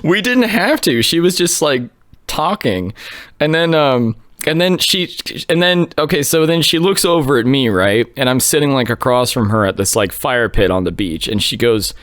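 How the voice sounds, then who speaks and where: A man telling a story in a laid-back, casual way, full of likes and you-knows, on a close mic in a small quiet room. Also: medium pitch, animated, moderate pace, no room sound.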